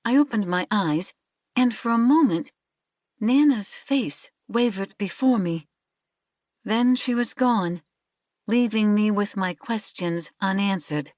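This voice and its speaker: Slow, measured woman audiobook narrator. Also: medium pitch, darkish tone, no room sound, studio quality. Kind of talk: scripted first-person audiobook narration.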